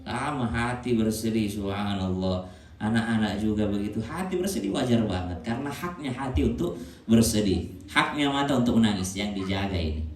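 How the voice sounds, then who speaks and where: A male preacher giving a sermon, telling stories in a lively way and acting out the voices of the people he quotes. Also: lowish voice, normal speed, a little hiss or hum. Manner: animated storytelling, acts out quoted voices. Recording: echoey room with faint ambience.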